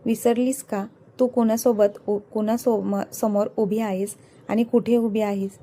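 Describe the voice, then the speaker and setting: A woman's voice: fairly high pitch, little pitch movement, unhurried, dark tone. A woman voicing a domineering, quarrelsome middle-aged mother-in-law who scolds and complains. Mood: scolding.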